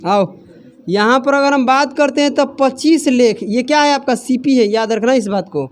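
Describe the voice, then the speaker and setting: A man's voice: very high voice, moderate pace. A man teaching a maths class, who keeps asking his students questions and answers them himself. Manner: scolds students for laughing.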